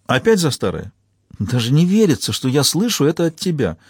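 A man's voice: a little high, very animated, brisk, darkish tone, slightly rough, dry recording, studio quality, pitched above the performer's own voice. A man voicing a tough woman police detective with curt, challenging retorts in an audiobook.

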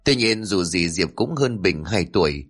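A man narrating a dramatic story in an expressive way. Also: low voice, normal speed, breathy edge.

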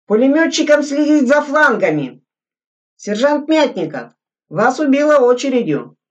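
Brief: a woman playing a keen young officer barking orders, high and loud, slow delivery, dull distant audiobook sound. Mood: commanding. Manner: shouting commands, excitable. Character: eager young male junior lieutenant, self-important.

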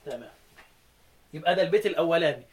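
A man with an Egyptian accent teaching a Quran recitation lesson, quizzing his students and chanting verse lines slowly before explaining them. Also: fairly high pitch, lively intonation.

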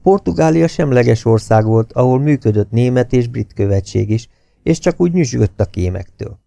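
Low, gravelly male audiobook narrator. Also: no echo, clean studio sound. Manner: steady, expressive reading. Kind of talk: scripted novel narration.

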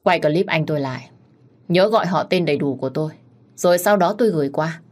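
A woman's voice: sits low, fast, darkish tone. Woman reading a worried young husband. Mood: tense. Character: anxious protective young husband.

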